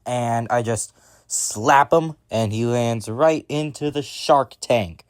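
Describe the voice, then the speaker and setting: A man's voice: mid-range voice, takes it slowly, smooth. Crude rambling male comedian. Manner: crude, rambling, exaggerated asides. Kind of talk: comic storytelling rant.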